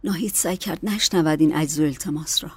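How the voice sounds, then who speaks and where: A woman narrating a dramatic story in a measured, soft manner. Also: sits low, breathy edge, no room sound.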